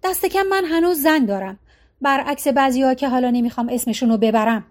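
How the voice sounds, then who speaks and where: A woman's voice: sits high, natural voice. Woman voicing a wry old man.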